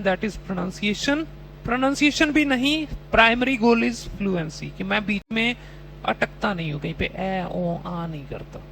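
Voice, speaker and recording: A man leads a test-prep coaching class with a high, gravelly voice, teasing his students and quizzing them as he goes. Faint hum sits under the close-miked voice. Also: a bit bright, low-quality recording.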